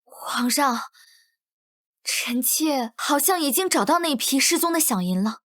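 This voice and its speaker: An actress playing a young imperial consort in a costume drama, with coy, deferential courtly speech. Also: female voice, sits high, animated, measured pace, a bit bright, no echo, studio quality. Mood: composed, deferential. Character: young imperial consort, coaxing, sweet and secretly scheming.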